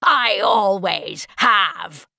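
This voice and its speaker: A woman voicing a bitter, proud old male scientist in an audiobook, speaking slowly and brooding. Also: mid-range voice, expressive, gravelly, dry recording, clean studio sound, full character voice. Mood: defiant. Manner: hushed, slow, brooding. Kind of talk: audiobook character voice.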